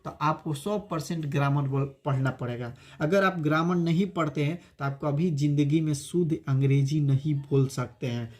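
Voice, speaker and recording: A man teaching a spoken English lesson, repeating words slowly to drill their pronunciation. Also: fairly high pitch.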